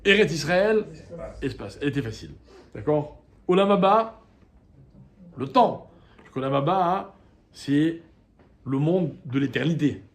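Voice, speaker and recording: A man's voice: a little high, expressive, measured pace, long pauses. A man who is a rabbi, teaching a Torah class to a live audience. He keeps posing rhetorical questions, calls on the class to wake up, and quotes Hebrew texts before translating them.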